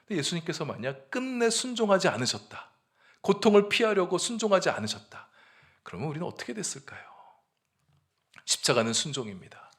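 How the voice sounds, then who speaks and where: A man's voice: on the high side, big pitch swings, brisk, a bit bright. A male pastor giving a Sunday morning sermon, earnest and explanatory, sometimes voicing the people in his stories. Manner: earnest preaching, acts out quoted voices with rising emphasis.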